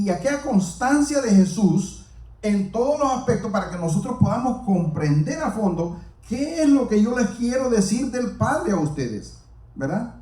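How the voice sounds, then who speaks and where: Speaking to the congregation in a high-pitched, warm voice, a man preaches earnestly and says things more than once. The mic sits far off, leaving a roomy echo on the recording.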